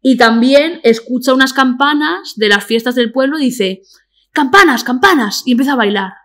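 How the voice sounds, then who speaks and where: A woman guest on a chat podcast, telling stories in a blunt, sarcastic, rapid-fire way. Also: high-pitched, a bit bright. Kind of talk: casual chat.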